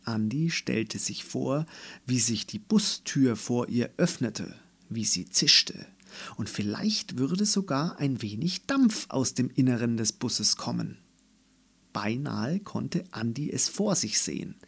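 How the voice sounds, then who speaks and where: Male storybook narrator, unhurried and expressive, husky with a gravelly edge. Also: mid-range voice. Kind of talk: storybook reading.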